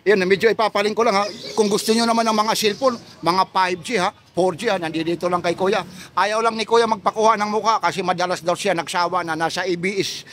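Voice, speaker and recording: Male street vlogger, high voice, chatty patter full of tag questions, outdoor market, phone camera. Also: fairly even intonation, a little fast, fairly bright tone, slight background noise. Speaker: vlogger showing goods at a market stall. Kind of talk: casual street vlog chat.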